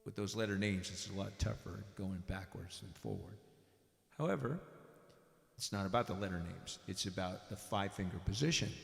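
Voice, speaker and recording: A man teaching piano and singing in a relaxed, casual way, his voice drenched in added hall reverb. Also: low voice, moderate pace, creaky. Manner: relaxed, demonstrates while explaining. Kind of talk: casual spoken lesson at the piano. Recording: big echoey hall reverb with loud piano.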